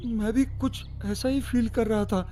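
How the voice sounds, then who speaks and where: A woman's voice: on the high side, steady tone, a little slow, mellow, slight background noise, close to an everyday voice. A woman voicing a frightened young man in a horror audio drama, stammering and chattering nervously.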